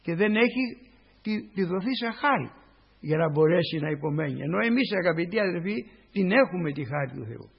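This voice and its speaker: An older male priest preaching a sermon with a raspy voice, punctuating it with repeated doxologies. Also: fairly high pitch, expressive. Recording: dull lo-fi recording with long reverb.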